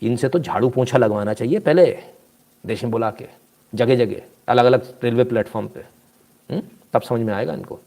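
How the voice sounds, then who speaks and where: A man talks through viewer comments in a casual live stream. His delivery is animated and scolding, and he drifts into personal anecdotes. His voice sits at an ordinary middle pitch. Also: moderate pace, gravelly.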